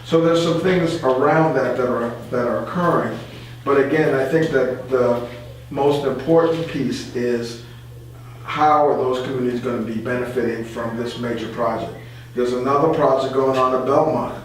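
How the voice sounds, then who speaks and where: This man has a mid-range voice and a moderate pace, appearing as a community advocate guest in a casual radio discussion. He explains things and repeats phrases to drive his points home. The recording comes from a very echoey room with a distant mic and faint background noise.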